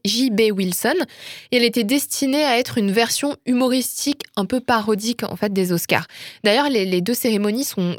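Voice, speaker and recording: A woman's voice: medium pitch, no echo, clean studio sound. A woman presenting a culture segment in a casual radio chat, talkative, joking at her own expense and laughing often. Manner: chatty, laughs often, self-mocking. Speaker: culture columnist.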